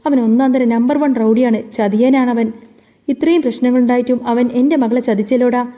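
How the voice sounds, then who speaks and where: A woman voicing a furious middle-aged mother who shouts and scorns over the phone. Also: a little high, fairly even intonation, normal speed, lo-fi sound, lightly acted.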